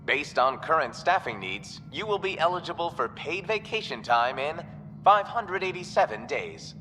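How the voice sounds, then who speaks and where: A man voicing a calm, informative male announcement system heard over a space station's public address speakers in a video game. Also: a little high, normal speed, in a large hall, a little hiss or hum. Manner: even, formal announcer delivery.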